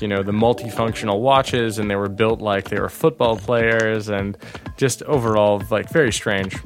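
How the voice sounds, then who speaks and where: A man telling a travel story in casual conversation, rambling and restarting, laughing at his own tale. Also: lowish voice.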